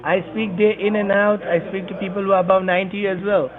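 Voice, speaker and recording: A man's voice: high voice, level tone, fast talker. Man on a tinny phone line, lecturing. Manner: doubting, lecturing. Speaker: scam caller posing as an officer. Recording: tinny phone line with call-center crowd noise.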